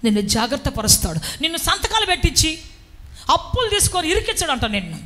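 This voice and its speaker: A woman delivers a lively sermon in a high, ringing voice. She acts out little stories and bursts into shouted exclamations. A long reverb trails her words. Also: quick pace. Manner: animated, breaks into shouted exclamations. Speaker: preacher.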